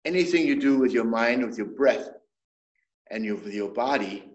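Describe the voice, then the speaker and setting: A man in his seventies, a traditional medicine doctor, explaining things in a measured way as an interview guest, often restarting his sentences. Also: mid-range voice, expressive, lo-fi sound. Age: 70s. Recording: roomy echo.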